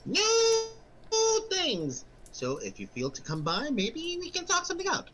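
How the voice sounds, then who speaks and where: A man voicing a flattering, scheming merchant in a tabletop game, with the oily, theatrical manner of a mustache-twirling villain. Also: very high voice, a little slow, pitched above the performer's own voice, heavily acted. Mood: smooth, wheedling. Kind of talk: tabletop role-play character acting. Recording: faint background noise, room ambience.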